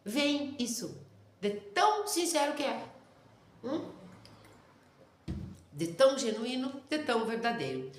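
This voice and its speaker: A woman with a Rio Grande do Sul interior accent giving a casual religious lesson, talking fast, loud and intensely. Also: fairly high pitch. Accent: Rio Grande do Sul interior Brazilian Portuguese. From interior of Rio Grande do Sul, Brazil. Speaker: Torah teacher. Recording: roomy echo.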